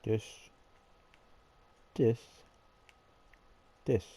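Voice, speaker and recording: A man's voice: drawn-out words, warm tone, no echo. A man chatting casually to himself as he builds a character in a game, thinking aloud as he goes. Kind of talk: casual gameplay commentary.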